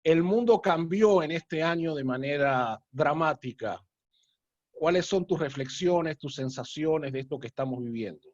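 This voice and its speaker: A rabbi hosting a casual video-call interview, talking in an unhurried, friendly way with frequent filler sounds. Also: male voice, fairly high pitch, animated, a little mellow, no room sound. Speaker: rabbi and host. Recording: dull lo-fi call audio.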